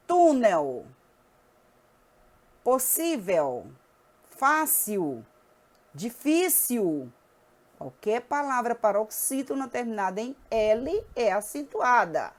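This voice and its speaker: A woman teacher giving a grammar lesson, explaining rules and checking in with her students as she goes. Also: a little high. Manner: lively, checks in with the class.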